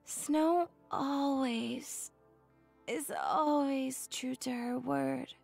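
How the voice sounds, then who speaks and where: An actress voicing a tired, blunt, loyal young woman soldier in a video game, in a weary, halting, casual way. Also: high voice, fairly even intonation, gravelly, darkish tone, soft background music, exaggerated voice. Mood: weary, subdued.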